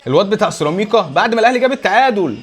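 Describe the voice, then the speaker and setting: A man with an Egyptian accent reacting live to a football match, with a rapid, exasperated running reaction and repeated urgings. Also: high voice, very animated, breathy edge.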